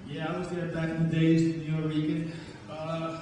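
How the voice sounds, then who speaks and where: A middle-aged poet with a mellow voice on the high side performs on stage, mixing live spoken word with informal remarks to the audience, though his delivery is completely flat at normal speed. The setting is a campus event hall with a live audience, captured by a distant mic in an echoey space with faint noise.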